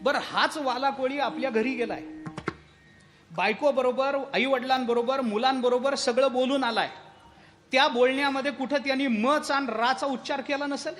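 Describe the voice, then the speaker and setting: A man's voice: very high voice, steady tone, moderate pace, over music. A man preaching a devotional kirtan, telling a story and asking the audience rhetorical questions.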